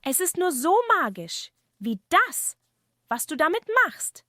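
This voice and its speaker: A proud, kindly little leprechaun shoemaker, acted out by a woman in a fireside story. He is high-voiced and courteous, with swooping, earnest speech and a very dry sound. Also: very animated, a little slow, pushed and bright, dry recording, full character voice.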